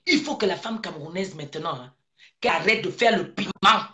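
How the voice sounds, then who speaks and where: Une femme originaire du Gabon qui prononce un discours politique passionné, martèle ses phrases et enchaîne les questions rhétoriques. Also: female voice, fairly low pitch, animated, fairly quick, fairly bright tone. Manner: emphatic, repeats phrases, rhetorical questions. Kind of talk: impassioned political speech.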